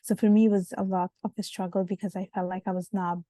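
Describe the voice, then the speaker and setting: A woman, a podcast guest speaking reflectively in measured, searching phrases. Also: mid-range voice, flat delivery, warm tone, no room sound. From Italy. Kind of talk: casual interview conversation.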